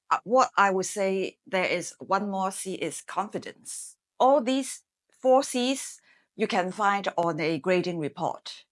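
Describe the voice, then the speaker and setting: Interview guest, woman from Hong Kong, middle-aged, unhurried and lowish, explains patiently. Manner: measured, explanatory, with some fillers. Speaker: marketing executive, interview guest. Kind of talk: business interview answers.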